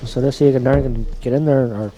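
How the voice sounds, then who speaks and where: A man commentates live on darts in a conversational way. His voice is soft-edged and mellow, with a middling pitch. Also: steady tone, quick pace, low-quality recording.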